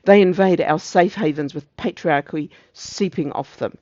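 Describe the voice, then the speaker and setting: A man's voice: on the high side, normal speed, a little mellow, no room sound, highs cut off, close to an everyday voice. A man playing a pompous, zealous morality officer, declaiming a satirical monologue in preachy, emphatic speeches. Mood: indignant zeal.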